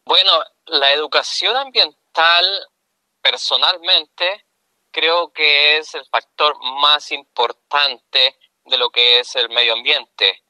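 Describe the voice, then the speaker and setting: Chilean man explaining in a bright voice. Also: on the high side, dry recording, poor audio. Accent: Chilean Spanish. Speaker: guest. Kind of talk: interview answers.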